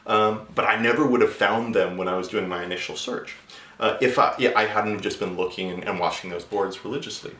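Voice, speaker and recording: In a reverberant space, a man whose voice is on the low side talks briskly with a fairly bright tone. He's a native English speaker offering casual job-search tips in a vlog, chatting conversationally with many filler words and often restarting his sentences.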